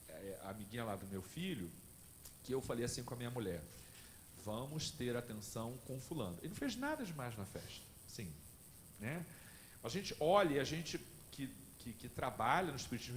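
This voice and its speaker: Animated male lecturer, lively pitch. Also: slight background noise. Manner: lively, conversational, addresses the audience directly. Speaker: lecturer at a spiritist family course. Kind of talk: lecture with personal anecdotes.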